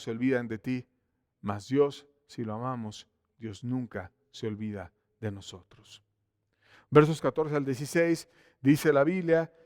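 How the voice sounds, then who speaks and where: A man preaching a sermon in church, swinging between loud exclamations and hushed, intimate asides. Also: on the high side, dry recording, clean studio sound. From Mexico. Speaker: pastor.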